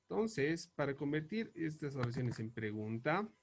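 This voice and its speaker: A man teaching English grammar, spelling out example questions slowly and word by word as he writes them up. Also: on the high side, very animated, a little hiss or hum. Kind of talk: explaining grammar on a board.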